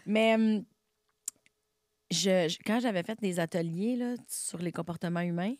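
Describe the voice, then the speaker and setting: Speaking a little slowly in a low, darkish voice, this middle-aged comedian from Quebec talks in a casual interview with a Québécois French accent. Self-deprecating and quick to laugh, she leans heavily on fillers, captured in a studio-quality recording with no room sound.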